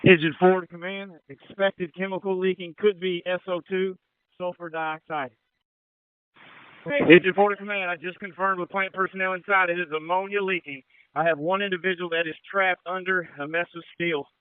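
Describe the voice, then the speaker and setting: A man's voice: high voice, fairly even intonation, moderate pace, clean tone, no room sound. A man, a fire engine officer at an incident, giving terse, clipped status reports over a handheld fire radio. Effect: heard over a handheld fire radio. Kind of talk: fireground radio traffic. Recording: tinny two-way radio transmission.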